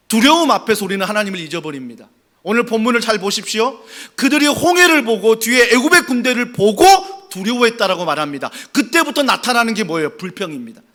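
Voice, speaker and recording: Korean pastor with a high, lively voice. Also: male voice. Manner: emphatic preaching that swings from soft and low to loud and high. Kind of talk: sermon. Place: church sanctuary.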